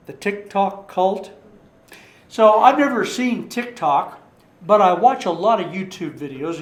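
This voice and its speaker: Guy running a church bible study, high-pitched, lots of restarts and rhetorical questions, roomy echo. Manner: rambling, with frequent restarts and repeated words. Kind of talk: informal Bible study talk. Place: church meeting room. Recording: echoey room recording.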